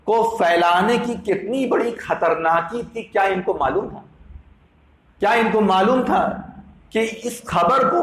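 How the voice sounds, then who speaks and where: In an echoey space with a bit of hiss or hum, a man with a fairly high voice preaches an Islamic sermon that quotes the Quran. His delivery is emphatic and instructive, with phrases repeated for emphasis.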